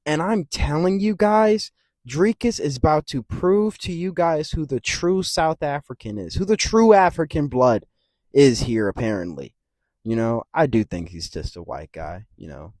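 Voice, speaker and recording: A man hosting a casual fight-prediction rant, rambling and swearing freely, with big jumps in loudness. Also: a little high, expressive, measured pace, no echo, studio quality. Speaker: MMA commentary channel host.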